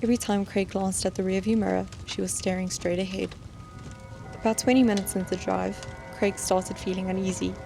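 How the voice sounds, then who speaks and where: A woman reads scripted horror stories in a measured, suspenseful storytelling manner. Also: mid-range voice, little pitch movement, vocal fry, mellow. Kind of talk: scripted scary-story narration. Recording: music bed behind the voice.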